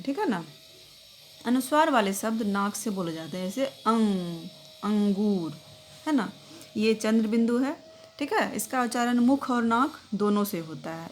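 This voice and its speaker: A woman's voice: mid-range voice, a little hiss or hum. Patient woman teaching young children. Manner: patient, checks in often with tag phrases. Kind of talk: explaining a grammar lesson for young children.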